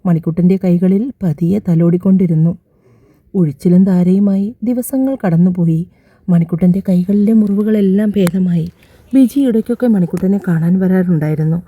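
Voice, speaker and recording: Low-voiced woman narrating an audio story. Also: normal speed, warm tone, breathy edge, dry recording. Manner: reads all characters' dialogue in her own voice, slightly raised. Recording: dull dry lo-fi recording.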